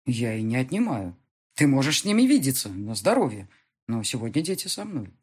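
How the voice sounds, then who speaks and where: A woman's voice: very deep voice, very animated, brisk, a little mellow, husky, pitched below the performer's own voice, exaggerated voice. A woman reading an audiobook and voicing a cold, irritated husband on the phone, curt and dismissive, breaking into anger. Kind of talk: audiobook character voice.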